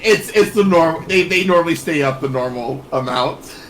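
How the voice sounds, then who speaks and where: A man's voice: on the high side, moderate pace, a loud crowd, voice pushed up, natural voice, poor audio. A man voicing a jittery bird-man who never sleeps and swigs energy tonic, talking in stammering, overeager bursts. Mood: evasive.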